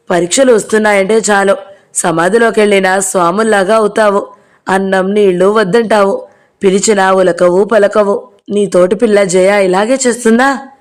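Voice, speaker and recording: A woman narrating a novel as an audiobook, reading the dialogue of each character in her own voice. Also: mid-range voice.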